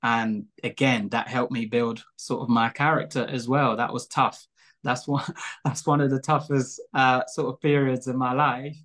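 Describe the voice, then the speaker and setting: Speaking at a normal speed in a steady, slightly bright, medium-pitched voice, this young man from Angola talks casually as an interview guest. Portuguese is his first language, he created a show, and his rambling answers are dotted with fillers and little laughs.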